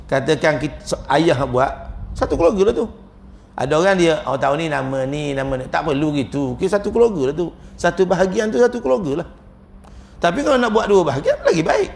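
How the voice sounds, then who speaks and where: A man's voice: high voice, vocal fry, a little hiss or hum. A man with a Malaysian Malay accent giving a humorous religious lecture as a religious teacher, joking and chuckling often as he tells his stories.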